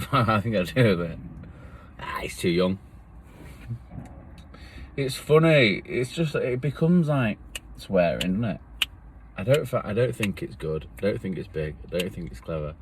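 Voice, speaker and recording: A man's voice: fairly low pitch, expressive, unhurried, pauses often, a little hiss or hum. A man, talking to himself in a meandering, reflective solo monologue that often trails off. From England. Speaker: vlogger.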